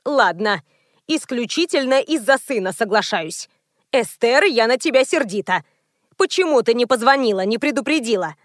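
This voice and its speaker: A woman voicing a furious, imperious older mother-in-law who scolds loudly in an audiobook. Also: on the high side, no echo, studio quality, lightly acted. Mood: grudging. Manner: loud, indignant, scolding.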